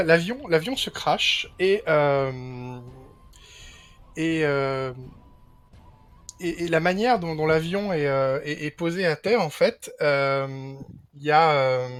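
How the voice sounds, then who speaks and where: A man playing a tabletop role-playing game over voice chat, haltingly narrating what his character does, with many fillers and restarts. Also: a little high. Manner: hesitant, full of fillers and restarts. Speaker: player. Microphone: push-to-talk voice chat.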